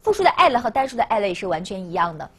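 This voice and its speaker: Woman teacher running a lesson, voice jumps all over, repeats stuff slow for the class. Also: medium pitch, slightly rough. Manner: lively, coaxing, repeats slowly for students to echo. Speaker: French teacher. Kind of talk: language lesson.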